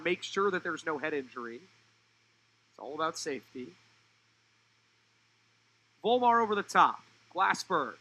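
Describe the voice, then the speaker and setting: A young man giving live play-by-play commentary on a college soccer match, fluent and rising in pitch when the play turns attacking. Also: bright, forceful tone, low-quality recording.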